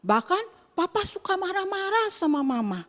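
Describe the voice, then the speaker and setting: A woman voicing a sad little child close to tears, speaking in a plaintive, halting way. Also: extremely high pitch, sing-song, fairly bright tone, long reverb tail, voice pushed up, heavily acted.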